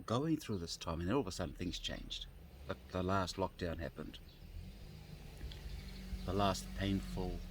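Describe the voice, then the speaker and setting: A man sitting outdoors on the grass, telling a personal story in a halting way, often repeating and restarting phrases. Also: low-pitched, a little hiss or hum. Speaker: vlogger.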